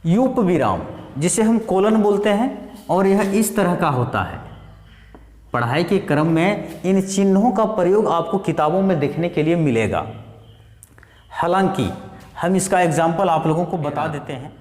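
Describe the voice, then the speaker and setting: A man teaching a grammar lesson, explaining slowly with worked examples. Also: sits high, animated, darkish tone. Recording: echoey room, distant reverb.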